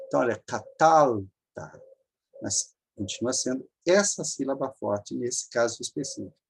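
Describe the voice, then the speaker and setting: A man's voice: medium pitch, expressive, a little slow, gravelly, slightly rough. A man teaching an online grammar lesson, patiently explaining step by step, repeating forms and checking in with the listener.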